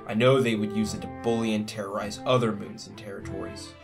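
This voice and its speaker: In a sci-fi audio drama, a man talks quickly and casually in a lowish, creaky voice with fairly even intonation, portraying an adventurous young crewman. This earnest, persuasive character carries a haunted past, and music plays under the scene.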